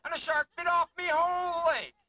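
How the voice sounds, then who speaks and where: A man's voice: very high-pitched, fairly even intonation, moderate pace, pushed and bright, dull audio, voice pushed up, heavily acted. A man doing a peg-legged old pirate. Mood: spinning yarns. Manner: folksy pirate talk.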